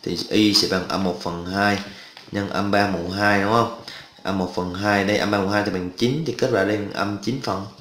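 A man's voice: fairly low pitch, a bit bright, slight background noise. Chatty man teaching math in an echoey room. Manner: chatty, asks students checking questions often. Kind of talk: casual spoken math lesson.

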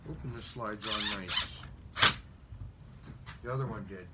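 A man's voice: on the low side, measured pace. Fifty-something man chatting through shop work. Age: 50s. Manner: chatty, mutters to himself while working. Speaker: DIY sled restorer. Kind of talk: casual work-along narration. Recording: loud workshop noise behind voice.

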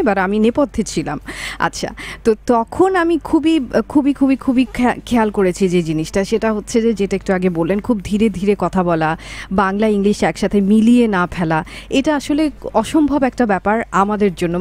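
A woman radio host in a studio, chatty and lively, laughing often and dropping English words into her speech. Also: mid-range voice, brisk. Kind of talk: radio talk show hosting.

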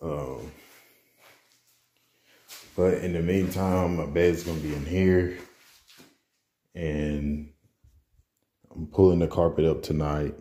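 A young man with a very deep, dark voice chats slowly and loosely to his camera in his apartment. He rambles with slang and restarts, slightly out of breath from hauling furniture. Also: steady tone. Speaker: vlogger. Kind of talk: casual vlog chat. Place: apartment bedroom, indoors.

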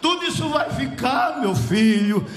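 A man voicing a frail, dying old woman who speaks slowly and tremblingly, in an echoey hall. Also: expressive. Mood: fervent. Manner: slow, trembling, low and soft. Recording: echoey hall, faint background noise.

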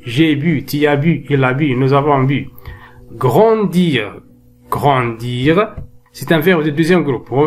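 Man teaching grammar slowly, repeating words. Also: medium pitch, slight background noise. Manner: switches between slow, drawn-out spoken French and brisk explanations; repeats words and conjugation lists slowly for dictation. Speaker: French teacher. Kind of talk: bilingual grammar lesson.

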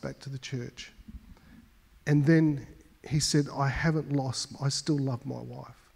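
A man's voice: mid-range voice, a little mellow. A male pastor preaching a sermon, telling a story with emphasis and often repeating words as he goes.

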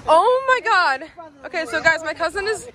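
High-pitched young woman vlogging outdoors. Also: moderate pace, a crowd in the background. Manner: rambling, exclamatory, self-repeating. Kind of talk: casual vlog chat to viewers. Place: outdoors by a backyard pool and on a street. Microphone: handheld phone. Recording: outdoor phone recording with lively group background.

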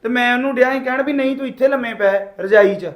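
A man's voice: very high-pitched, fast. An actor playing an evasive young son giving brief answers to his mother. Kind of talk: family drama acting.

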